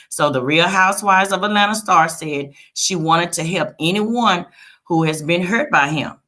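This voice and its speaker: A woman with a low-pitched voice hosts a celebrity news livestream. She talks casually and directly to her audience, often checking in with them as she goes through the story. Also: a bit bright. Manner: chatty, addresses viewers as "y'all" and "you guys" with frequent "okay?" tags. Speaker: host of a celebrity gossip livestream.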